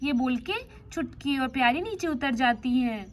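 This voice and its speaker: A woman's voice: sits high, moderate pace, slight background noise. A woman narrating a doll story in a plain, matter-of-fact way.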